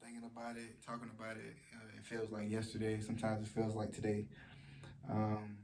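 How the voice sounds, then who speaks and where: A man talking in a personal vlog, speaking softly and low in a halting way, with many fillers and restarts. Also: monotone, a little hiss or hum. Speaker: vlogger. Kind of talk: personal vlog, sharing a story of loss.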